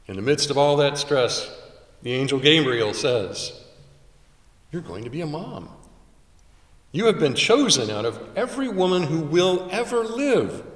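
A man in his sixties preaching a sermon from a pulpit in a small chapel, with measured delivery and dramatic pauses. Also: fairly high pitch, very animated. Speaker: chaplain. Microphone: stand mic at pulpit, far camera. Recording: roomy chapel echo from far off.

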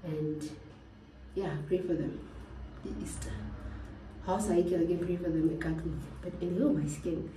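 Chatty woman vlogger, deep mellow voice. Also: a little slow, far from the mic. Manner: chatty, animated when annoyed. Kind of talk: casual vlog chat. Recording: roomy sound from off-mic, faint background noise.

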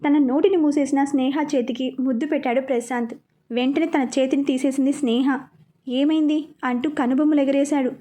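A woman narrating a romantic serial story in a steady storytelling manner. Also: high voice, brisk. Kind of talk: scripted narration.

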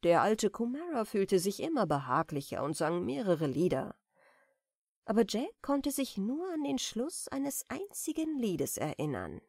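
A woman's voice: medium pitch, sing-song, measured pace, a little mellow, husky, no room sound, clean studio sound. Woman reading a bedtime fairy tale. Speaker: audiobook reader.

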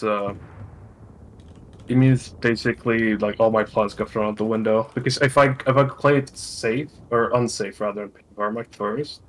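A man sounds worn out as he talks through a match in casual chat. He trips over himself and restarts his sentences. Swear words come thick and fast. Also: on the low side. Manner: swears freely, stumbles and restarts often. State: tired. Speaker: tournament player.

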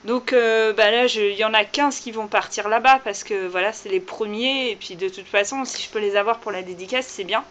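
A woman's voice: medium pitch, fairly quick, few pauses, a bit bright, a little hiss or hum. A woman author chatting casually on her video channel as she unboxes her book, filling her talk with "voilà" and hesitations. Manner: chatty, many fillers like "voilà" and "euh". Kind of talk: casual vlog chat.

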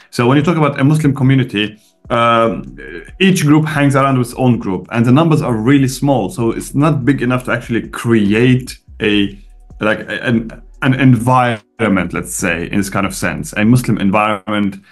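A man in his thirties talks over a webcam from a room at home, with faint music underneath. He explains his views bluntly and pushes key points with lively emphasis. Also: medium pitch. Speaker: guest. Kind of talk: video call interview. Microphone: webcam on video call.

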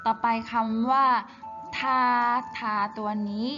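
A woman teaching Chinese in a slow, patient worksheet walkthrough, repeating each syllable clearly. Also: a little high, fairly even intonation, music in the background. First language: Thai. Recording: slightly dull, faint hiss.

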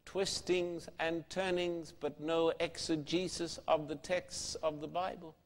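A man's voice: fairly high pitch, flat delivery, a little slow. A man preaching a sermon, emphatic and fond of rhetorical questions. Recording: long hall reverb.

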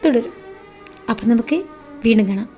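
A woman storyteller reads a love story in calm, steady narration. Her voice sits high, and soft music plays faintly beneath her. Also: moderate pace.

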